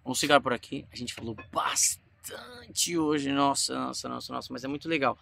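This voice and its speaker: An animated Brazilian acting teacher talks through his lesson in a casual way and acts out feelings as he goes. His voice is gravelly and bright, with a Brazilian Portuguese accent. A faint noise sits behind him. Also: mid-range voice, moderate pace. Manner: animated, demonstrates emotions mid-talk.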